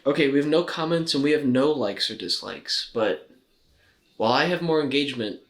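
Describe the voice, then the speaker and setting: Brisk and mid-range, a young man co-hosts a casual podcast, teasing himself with dry humor. His voice echoes around a large-sounding room.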